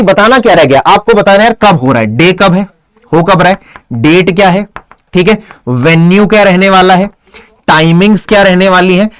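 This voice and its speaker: A male teacher gives a fast exam-prep lesson. He keeps checking with his students and slows down to dictate sample lines. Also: sits high, low-quality recording. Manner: rapid, repeats "ठीक है ना?" to check understanding.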